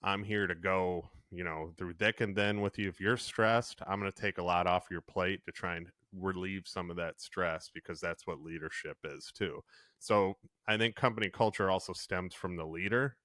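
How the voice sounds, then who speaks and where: A man's voice: sits low, fairly even intonation, normal speed, sharp tone, dry recording, clean studio sound. A man co-hosting a podcast who talks in an earnest, reflective way with loose fillers. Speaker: podcast co-host. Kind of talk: casual podcast chat.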